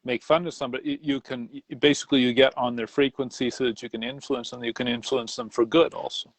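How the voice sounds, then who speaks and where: A man with a gravelly, creaky voice at a middle pitch speaks haltingly, restarting and searching for his words. The recording is dry and close. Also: steady tone, dry recording. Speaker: co-host. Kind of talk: casual spiritual discussion.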